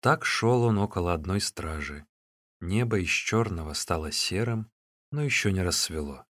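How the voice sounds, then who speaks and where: Male narrator, low voice, steady reading, dry close studio sound. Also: normal speed, no room sound. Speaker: audiobook narrator. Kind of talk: scripted narration.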